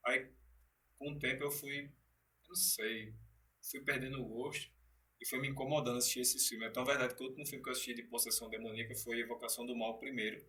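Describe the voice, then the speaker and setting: A man's voice: medium pitch, steady tone, fast, sharp tone. A man being interviewed as a guest actor, telling stories animatedly in casual chat with frequent restarts. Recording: distant from the mic.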